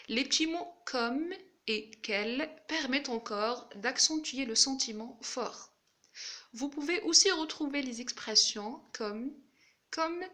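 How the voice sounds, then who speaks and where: A woman gives a grammar lesson at an unhurried pace. Her voice sits a little high and sounds bright. She explains each point carefully and backs it up with examples. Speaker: teacher.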